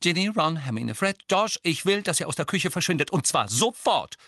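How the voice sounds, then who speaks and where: A man's voice: fairly high pitch, big pitch swings, a little slow, a bit bright, no echo, clean studio sound, pitched above the performer's own voice, exaggerated voice. A man voicing an anxious, protective middle-aged witch who is breathless and emotional, in an audiobook. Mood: shaky commanding. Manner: breathless, pleading, quavering. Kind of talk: audiobook character voice.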